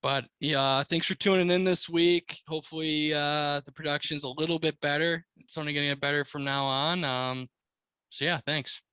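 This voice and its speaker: A man's voice: on the high side, fairly even intonation, moderate pace, pushed and bright, clear, resonant tone, dry recording. An American man co-hosting a casual podcast, talking like a slangy, swearing frat bro. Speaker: car podcast co-host.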